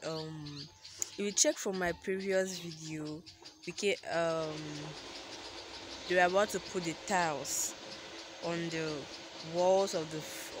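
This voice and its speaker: Gushing woman on a noisy old phone. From Cameroon. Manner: gushing, exclaims wow and oh my god. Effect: low-quality old phone recording. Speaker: vlogger. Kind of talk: casual house-tour vlog. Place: empty newly tiled rooms of a house, indoors. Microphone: handheld old phone. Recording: echoey bare rooms, hissy noisy phone audio.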